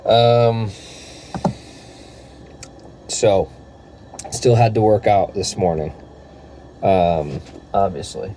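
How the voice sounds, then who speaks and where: A man's voice: fairly low pitch, extremely slow, long pauses, mellow, a little hiss or hum. A man chatting casually in a vlog, telling stories loosely with lots of filler words, indoors. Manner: laid-back storytelling with filler words. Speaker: vlogger.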